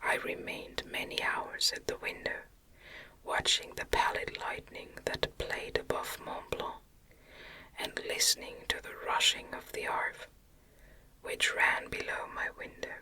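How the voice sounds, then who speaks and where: Her voice barely above a whisper, a woman reads from a novel as an ASMR narrator, staying close to the mic and shaping each phrase gently and with care.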